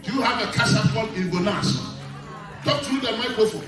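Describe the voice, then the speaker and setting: A man's voice: high-pitched, expressive, distant mic. A man ministering as a prophet before a congregation, commanding and questioning a woman about her family. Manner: commanding, quizzes a congregant in halting English. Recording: echoey hall, music and crowd.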